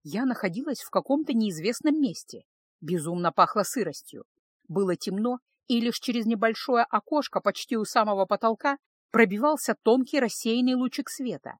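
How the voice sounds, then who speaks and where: A woman reading a first-person audiobook in a steady, expressive narration on a close microphone. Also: fairly high pitch, moderate pace, no room sound.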